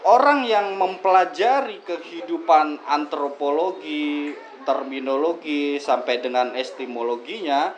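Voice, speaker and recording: A man's voice: a little high, a little slow, lo-fi sound. A man with an Indonesian accent, a guest on a casual podcast, explaining Sufi ideas with everyday examples and a joking ease. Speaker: guest speaking on Sufism.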